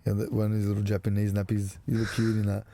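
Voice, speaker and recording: Speaking fast in a lowish, monotone voice with a dark tone, this middle-aged man from Macedonia co-hosts a relaxed podcast chat. He curses freely throughout. The setting is a small caravan music studio.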